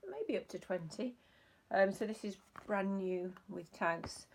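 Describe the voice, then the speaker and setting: A woman's voice: medium pitch, a little slow, darkish tone, a little hiss or hum. A woman chatting casually about her resale finds, rambling and hesitant with many ums. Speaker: reseller vlogger. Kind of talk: casual chat.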